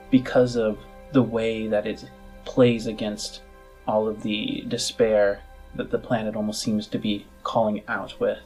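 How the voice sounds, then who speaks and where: With music running under him, a man in his role as podcast host and game master talks directly to the listener in a fairly low, slightly mellow voice, captured on a rough recording. An announcement about the podcast comes first, followed by a slow, scripted scene narration.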